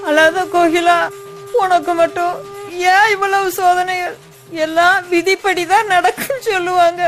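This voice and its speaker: A woman playing a gentle friend who speaks soothingly to comfort the widow. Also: extremely high pitch, steady tone, unhurried, music in the background.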